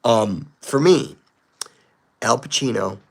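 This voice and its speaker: A man co-hosting a casual live chat, quick, teasing and apt to interrupt. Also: medium pitch, lively intonation, vocal fry. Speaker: co-host.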